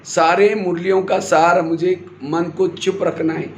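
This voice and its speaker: Male spiritual teacher, high voice, quizzes the audience and answers himself, echoey hall. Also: little pitch movement, measured pace. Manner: asks the audience questions and answers them himself. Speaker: spiritual teacher giving a class. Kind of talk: sermon-style spiritual class. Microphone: handheld or stand mic. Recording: echoey hall with faint noise.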